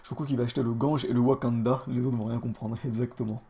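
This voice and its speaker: A man's voice: mid-range voice, steady tone, fast, mellow. A man streaming a board game online, casually commenting and mocking the other players with crude trash talk, often muttering under his breath.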